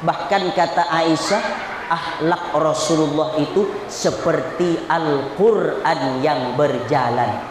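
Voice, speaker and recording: A woman giving a humorous sermon in a mosque, telling stories with lively acted-out voices. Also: deep voice, takes it slowly, background noise. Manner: lively storytelling, acts out quoted voices. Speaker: preacher. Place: mosque hall. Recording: echoey hall with faint ambience.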